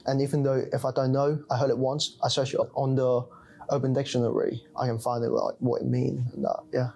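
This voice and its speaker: A young student from Hong Kong talking casually in a halting way, with many fillers. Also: male voice, mid-range voice, little pitch movement, gravelly, mellow. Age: young adult. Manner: halting, frequent fillers like "yeah". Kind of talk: casual discussion.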